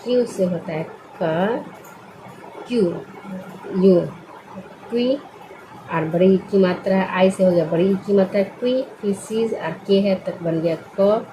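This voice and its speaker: With a medium-pitched voice and a slightly slow delivery, a woman teaches English spelling word by word against some background noise. She stays patient throughout, asking her own questions and answering them in this unhurried lesson.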